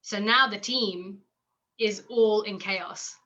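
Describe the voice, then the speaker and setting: Woman, interview guest, bright tone, reflective, halting with fillers, slightly dull recording. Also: medium pitch. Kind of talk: personal conversational interview.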